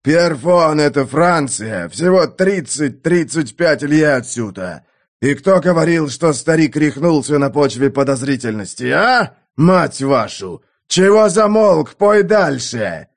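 A man's voice: on the high side, lively intonation, measured pace. A man narrating an audiobook, putting on the snarling, threatening voice of a brutal old mercenary. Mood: triumphant. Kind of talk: audiobook character voice.

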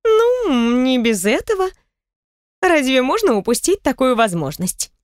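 A woman voicing a lively, bossy, caring middle-aged stepmother in an audiobook, high and animated in her scolding. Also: measured pace, no echo, clean studio sound. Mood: teasing.

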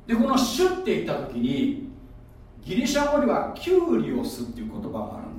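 Heard from far off in an echoey room, a pastor explains his sermon in a teacherly way and asks listeners questions. His voice is very high and wildly swooping, a little fast and slightly mellow.

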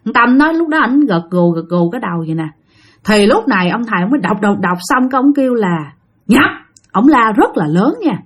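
A woman's voice: on the high side, animated, quick pace. A woman with a Southern Vietnamese accent telling a ghost story, chatting directly to her listeners. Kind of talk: spoken ghost story narration.

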